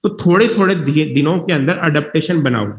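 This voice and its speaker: A man's voice: fairly high pitch, fairly quick. Reassuring man teaching in an echoey classroom. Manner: reassuring, repeats himself, checks whether students follow. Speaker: biology teacher. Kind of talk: classroom lecture. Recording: dull, echoey classroom recording.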